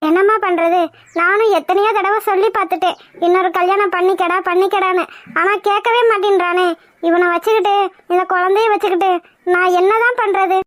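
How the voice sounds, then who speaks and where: Fussing cartoon grandma, very high and close: a woman playing an old village granny, scolding and fretful. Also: steady tone, a little fast, a bit bright, no echo.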